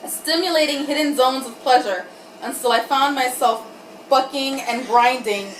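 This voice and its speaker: Hosting a comic group reading, a tipsy woman with a high-pitched voice reads erotic fiction dramatically at normal speed, giggling and interrupting herself with irreverent jokes. She's had some wine. A distant mic gives a roomy sound with faint background noise.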